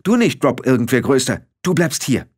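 Ein Mann spricht eine kleine, besorgte Clanchefin mit schriller, schimpfender Stimme. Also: male voice, steady tone, fairly quick, darkish tone, natural voice. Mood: sharp. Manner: shrill, worried and scolding. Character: anxious, fussy little fairy-clan matriarch woman.

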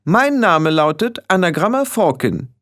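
A man's voice: high-pitched, big pitch swings, a little slow, a bit bright, voice pushed up, full character voice. A man reading an audiobook, voicing an imperious, condescending teenage witch girl in a raised voice. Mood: haughty. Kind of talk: audiobook character voice.

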